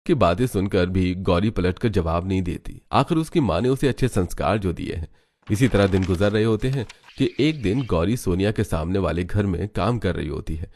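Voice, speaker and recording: A man doing scripted narration of a cartoon story in an even storytelling manner. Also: low-pitched, moderate pace, slight background noise.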